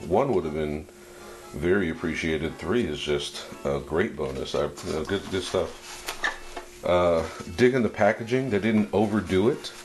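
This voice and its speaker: Very deep, slow-talking man, casual unboxing commentary. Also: low-quality recording. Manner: laid-back, approving, thinking aloud in short halting phrases. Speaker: fragrance reviewer.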